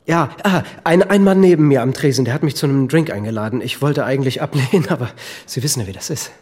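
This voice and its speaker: In a naturalistic radio drama, a male actor plays an anxious, worn-out husband with a drinking habit, answering questions haltingly and defensively with a weary tone. His medium-pitched voice is a little mellow with a breathy edge, and the acting is light.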